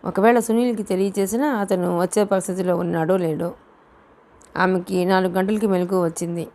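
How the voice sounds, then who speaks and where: A woman's voice: lowish voice, brisk. Woman narrating a novel. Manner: steady, even storytelling with small slips. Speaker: audiobook narrator. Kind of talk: novel reading.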